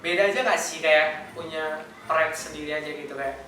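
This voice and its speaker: A nineteen-year-old man talks earnestly and casually to camera, with plenty of loose fillers. His voice is bright and somewhat high for a man. It is caught from a distance in a very echoey room. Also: normal speed, soft background music. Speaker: university student. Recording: echoey room, voice far from mic.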